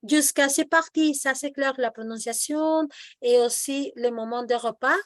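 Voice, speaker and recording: Slow, patient woman teaching over a call. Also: high-pitched, no echo, clean studio sound. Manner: patient, slow, models words for the student to repeat. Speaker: French teacher. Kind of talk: online language lesson, explaining in Spanish and French.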